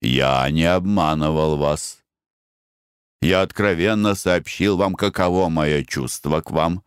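A man voicing a reserved, weary young gentleman who speaks low and subdued. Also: slow, clear, resonant tone, no room sound, studio quality. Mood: guarded.

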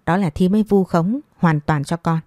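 A woman reading a story voices a patient young widowed daughter-in-law who pleads softly and respectfully. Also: fairly low pitch, moderate pace, no echo, studio quality, close to an everyday voice. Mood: firm.

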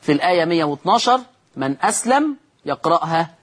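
A man's voice: on the high side, sing-song, fast, a bit bright, slightly rough. A man with an Egyptian accent teaching Quran recitation rules on television, explaining step by step and answering his own questions. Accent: Egyptian Arabic.

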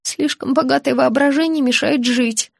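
Squeaky, whiny young woman in pain as a narrator puts her on, high, dry sound. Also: lively intonation, normal speed, no echo. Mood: peevish.

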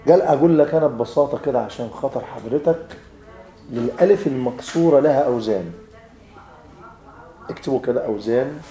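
A man's voice: medium pitch, fast talker, pauses often, dark tone. A man with an Egyptian accent teaching grammar to a class. He quizzes the students, repeats his points and makes teasing asides. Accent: Egyptian Arabic. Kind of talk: classroom lecture. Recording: echoey classroom.

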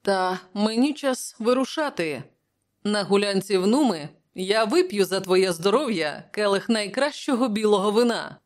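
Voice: mid-range voice, expressive, moderate pace, pitched above the performer's own voice, close to an everyday voice. A reader voicing a cheerful teasing nobleman. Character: cheerful young nobleman friend of the king, man. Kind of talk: audiobook character reading.

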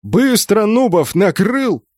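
A man's voice: high-pitched, big pitch swings, slow pace, darkish tone, dry recording, clean studio sound, pitched above the performer's own voice, full character voice. A man voicing a cocky veteran guild leader who barks crude orders in an audiobook. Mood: commanding. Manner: barking orders, crude, commanding. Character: commanding veteran guild leader, adult male, bossy and cocky. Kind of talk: audiobook character voice.

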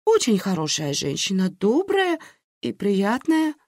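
A woman reader voicing a frail elderly woman in a hospital bed, speaking quietly and with confusion. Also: medium pitch, wildly swooping pitch, measured pace, no echo, clean studio sound, voice pushed up. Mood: weak bewildered.

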